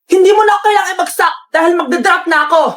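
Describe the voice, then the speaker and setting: A woman playing a cheeky female student who talks back quickly to her teacher. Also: extremely high pitch, fairly bright tone. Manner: fast, cheeky talking back.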